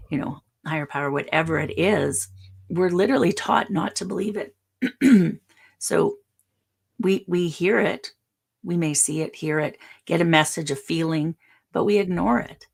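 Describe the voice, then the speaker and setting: A woman with a low, deep voice and a gravelly edge speaks calmly in a podcast conversation. Her manner is measured and reflective, and she talks as if giving advice. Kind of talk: reflective casual chat.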